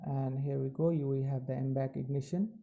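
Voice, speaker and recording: A man giving live technical commentary as a launch webcast host, with halting, measured phrasing. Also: mid-range voice, fairly even intonation, vocal fry, phone-quality sound.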